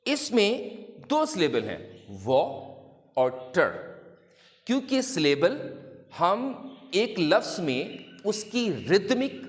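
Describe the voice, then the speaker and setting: A man teaching a lesson to children, explaining slowly and deliberately and drawing out example words. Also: sits high, very animated, long reverb tail. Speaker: English teacher.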